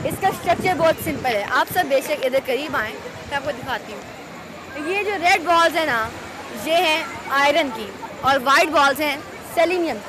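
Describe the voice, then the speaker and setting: A woman's voice: sits high, animated, moderate pace. A young woman with a Pakistani Urdu accent, patiently explaining a science exhibit to visitors at an outdoor fair. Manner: patient, explanatory, addresses the listeners directly. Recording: noisy outdoor crowd recording. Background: crowd chatter and traffic.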